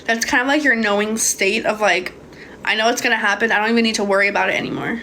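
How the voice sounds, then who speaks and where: A young Hungarian woman, a manifestation coach, answers viewers' questions about manifesting on a casual livestream, swearing freely and calling them babe. She talks fast in a mid-range, bright, forceful voice with fairly even intonation, recorded on a phone with slight background noise.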